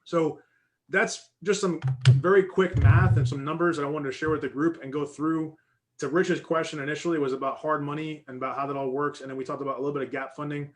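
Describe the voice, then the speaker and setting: A man, explaining worked numbers to a group in a quick, conversational way, thinking aloud and restarting sentences. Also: a little high, fairly even intonation, a little hiss or hum. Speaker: real estate investor presenting to a group. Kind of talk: informal teaching talk with worked numbers.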